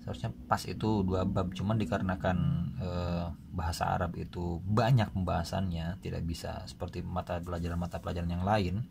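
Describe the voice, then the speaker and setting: A man with a low, gravelly voice teaches an Arabic grammar lesson in a classroom, talking briskly and flatly over a noisy background. He patiently works through each example step by step, checking in with his students afterward with frequent "gitu ya."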